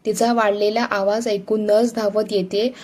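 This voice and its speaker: A woman narrating a family drama story in a steady, unhurried reading style. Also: medium pitch.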